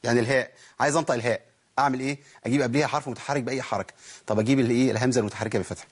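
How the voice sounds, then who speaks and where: A man's voice: mid-range voice, fairly even intonation, racing, slightly rough. A man with an Egyptian Arabic accent teaching a tajweed lesson, asking and answering his own questions and demonstrating letter sounds. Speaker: Quran recitation teacher.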